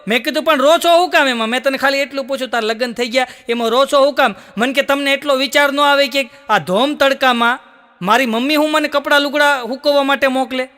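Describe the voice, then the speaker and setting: Fast, bright and forceful, with an extremely high pitch, the voice belongs to a male stand-up comedian. In a Gujarati stage show of jokes, he plays out the characters' lines and laughs between punchlines, and the hall reverb is long.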